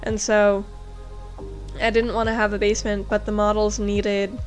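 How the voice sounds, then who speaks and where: A woman's voice: medium pitch, flat delivery, normal speed, faint music behind. A young American woman chatting casually in a voice-over about her game build, talking in a loose, rambling way full of fillers. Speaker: game vlogger.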